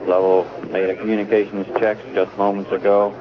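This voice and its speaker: Low steady guy calling a countdown over a crackly radio transmission, muffled and hissy. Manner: steady, measured announcer delivery. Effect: crackly radio transmission sound. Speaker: launch control commentator. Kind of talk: live countdown commentary. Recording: noisy lo-fi archival radio broadcast.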